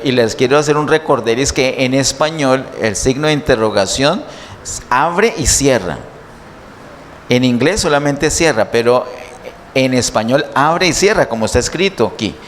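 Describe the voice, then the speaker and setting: Guy preaching in a church, lots of questions, echoey hall, bit of hiss. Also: a little high. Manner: teaching, asks many questions. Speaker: pastor. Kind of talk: sermon. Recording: church hall reverb, faint noise.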